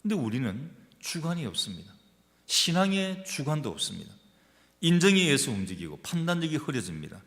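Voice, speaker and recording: A pastor from the region, preaching emphatically and putting rhetorical questions to the congregation. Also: male voice, on the high side, very animated, fairly quick, fairly bright tone. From Gyeongsang region, Korea. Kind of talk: sermon. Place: church sanctuary. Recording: long church-hall reverb.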